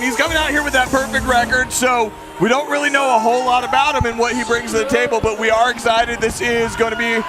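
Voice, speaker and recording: Male MMA commentator, very high register, enthusiastic and conversational, live-event music behind. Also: poor audio. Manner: upbeat, enthusiastic. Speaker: fight commentator. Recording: loud music and noise behind the voice.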